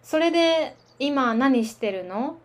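Woman, Japanese teacher, slightly high voice, unhurried, casual, chatty. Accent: standard Japanese. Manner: relaxed, chatty, laughs at her own filler words. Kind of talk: slow casual language lesson.

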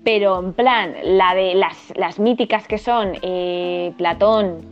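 A teenage girl, chatting casually as a student, excitable and slangy, swearing freely. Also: mid-range voice, slow pace, dull audio, faint music behind. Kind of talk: casual chat.

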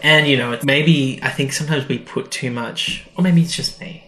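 In an echoey room with slight background noise, a man co-hosting a podcast casually walks through a story recap, performing the reactions of the people involved. His mid-range voice is pushed and bright, at a moderate pace.

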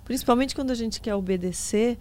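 A woman's voice: fairly high pitch, a little fast, a little mellow. A Brazilian woman interviewer talking conversationally about faith, agreeing and affirming as she goes.

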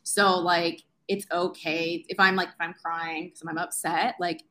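Bright, chatty woman in her thirties. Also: on the low side, little pitch movement, unhurried. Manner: chatty, uses "like" constantly, earnest. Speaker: guest, science teacher. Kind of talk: candid interview talk.

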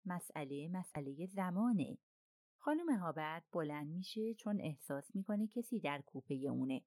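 Calm, methodical male detective reasoning aloud, read by a woman; low, dry audiobook voice. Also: no room sound. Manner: measured and explanatory.

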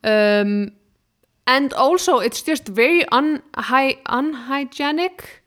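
A woman's voice: sits high, slow pace, a bit bright. A woman from Iceland, chatting bluntly and opinionatedly. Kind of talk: casual chat.

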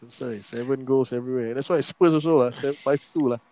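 A man's voice: mid-range voice, steady tone, quick pace, dark tone, dry recording. A man with a Singaporean accent hosting a casual football chat, often ending phrases with colloquial particles. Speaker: football podcast host.

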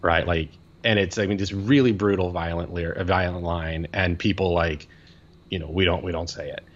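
A man's voice: low-pitched, steady tone, moderate pace, dull audio. A man co-hosting a podcast, a priest talking casually and rambling with many fillers and restarts.

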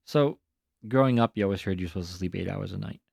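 A man co-hosting a podcast in loose, sarcastic chat, teasing his partner and cursing now and then. His voice is low and gravelly with plenty of fry, recorded dry and close. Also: fast, darkish tone, no room sound. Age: adult parent. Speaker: podcast co-host. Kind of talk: casual chat.

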